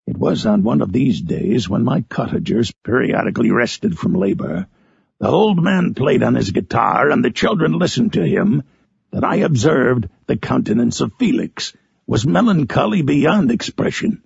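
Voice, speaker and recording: A man voicing Frankenstein's monster, a lonely, eloquent man-made creature, in a solemn, harsh storybook narration with drawn-out phrasing. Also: medium pitch, sing-song, a little mellow, no room sound, full character voice. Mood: somber, reflective. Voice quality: harsh, gravelly, raspy. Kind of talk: dramatic audiobook narration in character.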